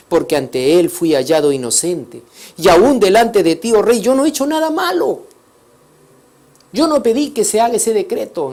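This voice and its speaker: A man's voice: high voice, a little mellow, pitched above the performer's own voice. A man voicing an aged male prophet who answers a king in a raised, earnest, declaiming voice.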